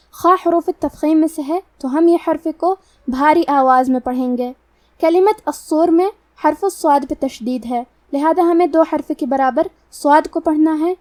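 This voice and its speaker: High-voiced woman teaching Quran recitation. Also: a little mellow, dry recording, recorded from a distance. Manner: careful, deliberate explanation of pronunciation rules. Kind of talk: tajweed lesson with slow recitation.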